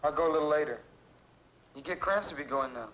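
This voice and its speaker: An actor playing a polite young sailor who hesitates as he speaks, a touch higher than most men. The audio is a muffled old film soundtrack with faint hiss. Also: quick pace, lightly acted. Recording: dull 1960s film soundtrack.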